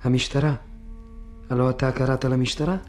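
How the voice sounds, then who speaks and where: A man's voice: medium pitch, level tone, a little mellow, close to an everyday voice. A man playing a soothing, patronizing psychiatrist. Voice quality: soothing, placating. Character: calm patronizing psychiatrist humoring a patient. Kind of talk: radio drama acting. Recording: music playing behind.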